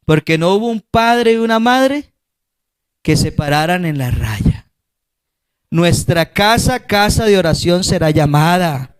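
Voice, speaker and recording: A male pastor with a Colombian Spanish accent preaching a passionate sermon, rising to shouts and acting out the voices of parents and children. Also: sits high, expressive, measured pace, clean tone, no room sound.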